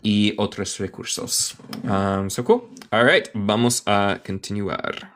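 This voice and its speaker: An American man from Michigan teaching English in Spanish on a live online lesson. He reads phrases slowly and answers viewer questions in a relaxed way. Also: on the low side. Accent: American English speaker talking Spanish. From Michigan, USA. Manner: slow deliberate read-aloud.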